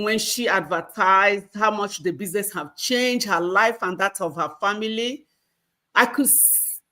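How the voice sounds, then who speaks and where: A woman guest on a video call gives an earnest, heartfelt personal testimony. Her voice is bright and forceful. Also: medium pitch.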